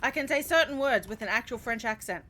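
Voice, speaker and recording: A young Australian woman commentating live as she plays a video game, animated, swearing and laughing often. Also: on the high side, fast, slight background noise. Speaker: streamer.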